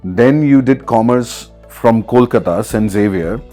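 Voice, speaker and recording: A man's voice: mid-range voice, unhurried, dark tone, faint music behind. A man with an Indian accent hosting a conversational interview, dropping Hindi phrases into his English. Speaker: podcast host.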